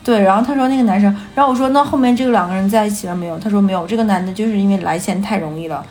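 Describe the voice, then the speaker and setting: A woman co-hosting a radio podcast in casual chat, telling stories lively, acting out quoted dialogue and laughing often. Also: mid-range voice, rapid-fire. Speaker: podcast co-host. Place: radio studio.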